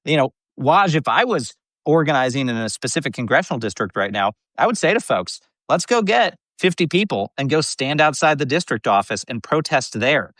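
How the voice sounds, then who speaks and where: A male guest in a political discussion, talking animatedly and slowing down for emphasis. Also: mid-range voice, big pitch swings, a bit bright, no room sound. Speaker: guest commentator.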